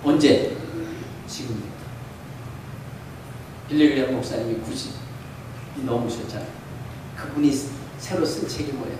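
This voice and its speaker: A man's voice: medium pitch, normal speed, long pauses. A man preaching an earnest graduation sermon, urging his listeners on. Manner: earnest exhortation, reading a quoted letter aloud. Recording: echoey hall, mic far off, faint noise.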